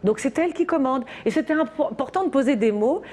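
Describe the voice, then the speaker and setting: A woman's voice: sits high, quick pace. A woman parenting coach, animatedly telling an anecdote in an interview and acting out the dialogue. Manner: animated storyteller, acts out dialogue, many fillers.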